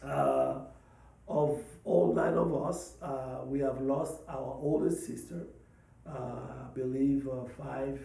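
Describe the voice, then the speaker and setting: A man in his fifties from Congo, a pastor and podcast host, telling his life story slowly and hesitantly, with many pauses and fillers. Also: mid-range voice, expressive, gravelly, warm tone, roomy sound, far from the mic, low-quality recording. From Democratic Republic of the Congo. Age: 50s. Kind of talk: personal testimony talk.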